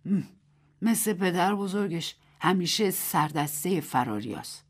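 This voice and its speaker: A woman's voice: fairly low pitch, expressive, slightly rough. Stubborn bossy old granny in her 70s, a lady putting her on, radio story, voice jumps all over. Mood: resolute. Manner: sharp, scolding, emphatic outbursts. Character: stubborn old village grandmother, commanding.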